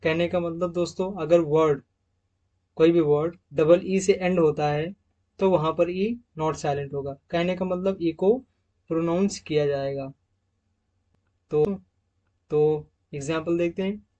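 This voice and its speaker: A man teaching pronunciation from slides, addressing viewers as friends and repeating example words slowly. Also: on the high side, dark tone, highs cut off. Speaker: English teacher. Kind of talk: slide-based pronunciation lesson.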